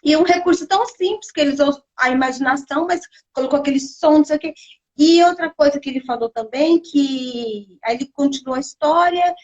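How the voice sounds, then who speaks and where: A woman hosting a casual live stream chat, telling stories animatedly and mimicking sounds. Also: high voice. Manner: animated storytelling with sound effects. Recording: dull lo-fi live stream audio.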